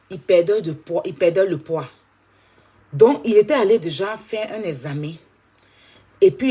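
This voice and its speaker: A woman's voice: mid-range voice, husky. A woman hosting a live stream, talking straight to her viewers and repeating her points insistently.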